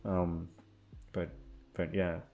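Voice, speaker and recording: A young man hosts an audio channel, talking to his listeners in a loose, rambling, sweary way. His voice is low and darkish, with a level tone and drawn-out words. Guitar music plays in the background.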